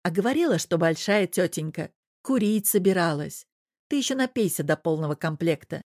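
A woman's voice: lowish voice, expressive, a little fast, a little mellow, dry recording. A woman voicing a grown man who mocks with a smirk, close to her own voice. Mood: mocking. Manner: smirking, sarcastic. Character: mocking grown man, sly joker.

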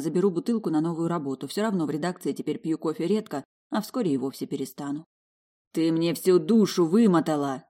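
A woman giving a lively, expressive first-person audiobook narration. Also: fairly low pitch.

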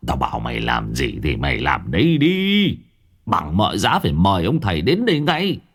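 A man's voice: low-pitched, huge pitch swings, moderate pace, a bit bright, slightly rough, heavily acted. A man voicing a frightened, bad-tempered old village master who gasps in terror and then barks orders in a weak voice. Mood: weary, commanding. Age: older.

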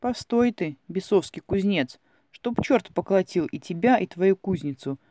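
A stubborn old Cossack villager grumbles and mutters to himself, played by a man. The voice sits high and pushes out loudly and indignantly, in a dry, close sound. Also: animated, normal speed, dry recording.

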